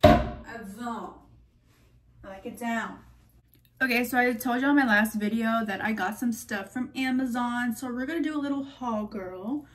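A woman's voice: fairly high pitch, normal speed, noisy background. A young woman chatting casually in her apartment for a vlog, tired and sleepy, with lots of "like" and "girl". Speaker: lifestyle vlogger.

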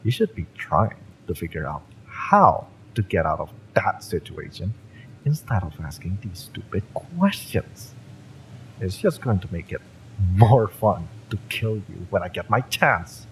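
This romance audio roleplay has a man addressing the listener as a bitter, fiery young mercenary, taunting and impatient, sardonic, sighing and swearing. His low-pitched voice is exaggerated, unhurried, and swings widely in pitch, in a rough recording with slight background noise.

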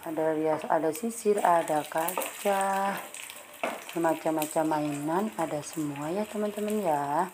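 This toy shop walkthrough vlog, shot on a handheld phone, features a woman whose low voice moves at an unhurried pace over noisy surroundings. She exclaims enthusiastically and repeatedly over each toy, talking to her friends watching.

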